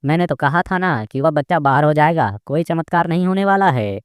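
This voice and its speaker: A man's voice: medium pitch, moderate pace, no room sound, clean studio sound, lightly acted. A man voicing a gloating, spiteful old woman who laughs and mocks while she counts down, in a manga recap story.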